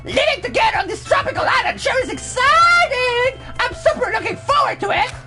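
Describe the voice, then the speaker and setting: A man voicing an excitable, bubbly schoolgirl from a video game in a squeaky falsetto. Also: a little fast, over loud music. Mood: excited. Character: excitable, bubbly young female pop musician and dancer schoolgirls.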